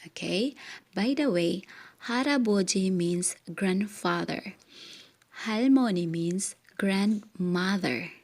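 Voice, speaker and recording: A woman's voice: medium pitch, slow, darkish tone. A woman whose first language is Korean teaches Korean words in a casual lesson. She mixes Tagalog and English, spells words out syllable by syllable and checks in with "okay?" again and again.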